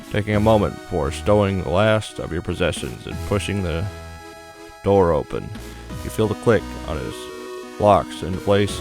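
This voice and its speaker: A man with a low, creaky voice hosts a gaming video, casually and plainly narrating a playthrough and reading on-screen story text. Game music plays behind him.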